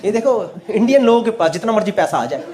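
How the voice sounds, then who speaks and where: A male stand-up comedian, doing quick, teasing crowd work that mixes Hindi and English. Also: sits high, sing-song. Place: live comedy venue with laughing audience. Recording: loud crowd laughter and noise.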